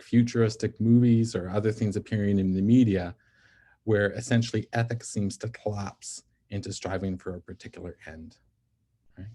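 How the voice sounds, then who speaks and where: This NICU physician has a lowish, dark-toned voice and explains an ethics lecture idea by idea. As he works through each point, he frequently checks in with his listeners.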